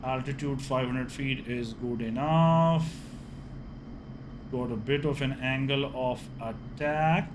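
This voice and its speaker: Male sim pilot doing airshow commentary, measured slow delivery, clipped running narration, noisy background. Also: medium pitch. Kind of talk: live commentary while flying a flight simulator.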